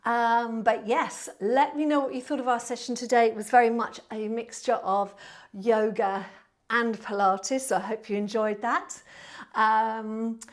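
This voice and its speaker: Female Pilates host, southern English, lightly high-pitched, warm and chatty, informal address to online viewers. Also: steady tone, unhurried. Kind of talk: casual livestream chat to viewers. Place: indoor studio.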